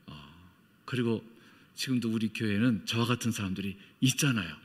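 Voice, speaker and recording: A man's voice: lively intonation, normal speed, husky. A middle-aged man preaching as a missionary, telling his story with feeling and acting out the voices of people he quotes. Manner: emotional storytelling, acts out quoted dialogue with big swings in pitch and loudness. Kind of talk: sermon. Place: church. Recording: long church-hall reverb.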